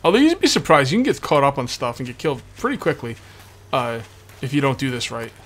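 A man's voice: medium pitch, big pitch swings, quick pace, a bit bright. A man giving casual, rambling gameplay commentary as a let's play host, repeating himself and talking with a sore, bitten tongue. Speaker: host of a video game let's play series. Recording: background noise, game ambience behind voice. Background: video game ambience.

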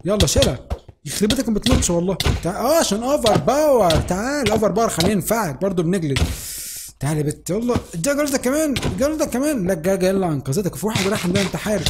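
A young man with an Egyptian Arabic accent giving joking, excitable commentary over a Minecraft match. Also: sits high, racing, noisy background. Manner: excitable, joking, teasing other players. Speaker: gaming YouTuber. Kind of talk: Minecraft let's play commentary.

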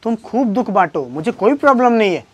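Heavy background noise surrounds this comedic performance by a man with a high, sing-song voice speaking fairly quickly. Playing a husband, he swaps deadpan, sarcastic lines with his wife and works himself up into exasperated rants.

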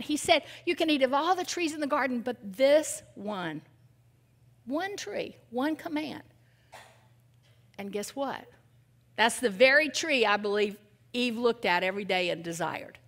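An older woman giving an animated, humorous sermon as guest speaker at a women's event. She swings from loud exclamations to hushed near-whispers and often asks the audience questions. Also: sits high.

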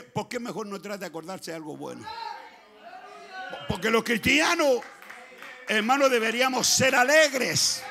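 Chilean male pastor, fervent shouting preacher, gravelly, high and bright. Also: noisy background. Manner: fervent, often shouting, swings between loud and soft. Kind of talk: Pentecostal sermon. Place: church.

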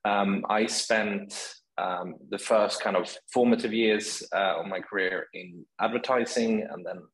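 A man from Sweden speaks in a low voice as a guest on a video call. He sounds relaxed and fills his pauses with ums, and his voice is picked up by a laptop mic at home. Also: low-quality recording. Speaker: guest, startup founder.

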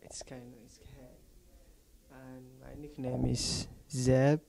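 Gravelly, halting young man from Somaliland. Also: mid-range voice, level tone, mellow. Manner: halting, searching for words. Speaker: exchange student. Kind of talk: casual interview answers.

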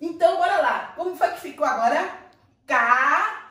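Heard from a bit far off in an echoey room, a Brazilian primary school teacher with a Brazilian Portuguese accent leads a lesson for young children. Her very high-pitched, expressive voice moves at a quick pace in affectionate, playful, sing-song teacher talk.

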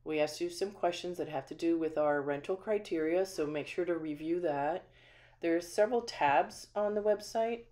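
A woman who manages a manufactured home community gives a friendly, chatty tour of a small empty house, often pausing with ums, while the camera is held in hand. Her voice is low with a dark tone. The tour is indoors, then switches to voice-over.

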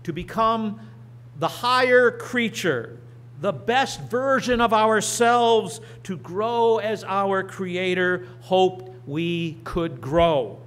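A middle-aged man preaching and reading scripture from a church lectern, slow and deliberate with emphatic rises. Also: sits high, fairly bright tone. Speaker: pastor. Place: church sanctuary. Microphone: lectern microphone.

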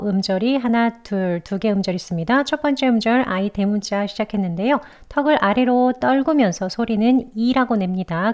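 A woman teaching English pronunciation, explaining mouth and tongue positions clearly and patiently, step by step. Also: mid-range voice, a little mellow, lo-fi sound. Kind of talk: instructional lesson narration.

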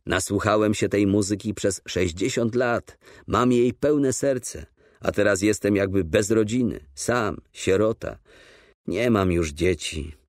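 A man voicing a sorrowful old male schoolteacher in an audiobook, speaking in a low, trembling, mournful way. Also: a little slow, no echo, clean studio sound. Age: older. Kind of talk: audiobook character voice.

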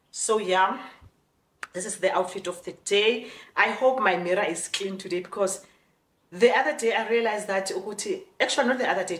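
A woman in her forties with a South African Xhosa accent, chatting frankly to camera in a casual vlog and mixing in Xhosa phrases. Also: medium pitch. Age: 40s. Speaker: vlogger. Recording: echoey room with faint music.

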